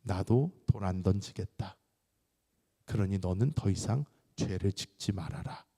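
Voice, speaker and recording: A man lowering his voice to play a calm, gentle Jesus who speaks softly and without hurry. The voice sits a little lower than a plain speaking voice, with a long reverb from a big hall. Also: unhurried, breathy edge, full character voice.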